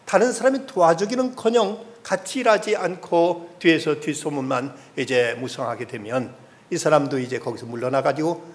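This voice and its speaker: A man's voice: on the high side, moderate pace. A middle-aged man, a pastor, preaching a Sunday sermon and earnestly retelling a story to make his point.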